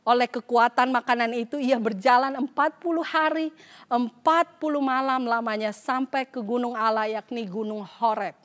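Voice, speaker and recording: Woman pastor, high voice, preaching into a stage mic at a church service, slips in English phrases. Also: fairly even intonation, moderate pace. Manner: acts out voices when quoting scripture. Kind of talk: sermon.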